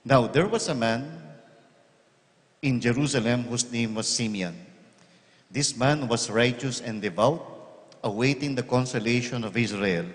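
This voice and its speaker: Man proclaiming scripture in cathedral echo. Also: mid-range voice. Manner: solemn, measured proclamation. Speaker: priest reading the Gospel at Mass. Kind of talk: liturgical scripture reading. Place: large church. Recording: cathedral echo, long church reverb.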